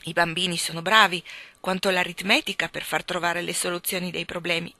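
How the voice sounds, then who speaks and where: A woman's voice: lowish voice, little pitch movement, brisk, bright, forceful tone, no echo. A woman reading the lines of a cheerful, talkative young housemaid in a storybook, homely and helpful in manner. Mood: chatty.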